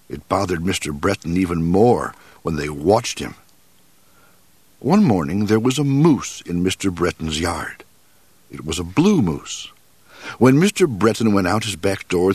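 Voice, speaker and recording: Storybook reader, man, low husky voice, very lively intonation. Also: no echo. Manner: expressive, measured reading. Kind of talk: reading a children's storybook aloud.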